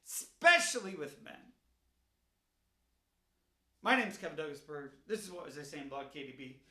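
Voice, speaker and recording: A man's voice: a little high, expressive, fast talker, pushed and bright, roomy sound. A man speaking earnestly to camera in a personal vlog, pleading and repeating himself as he urges viewers to reach out. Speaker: vlogger. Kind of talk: personal awareness message.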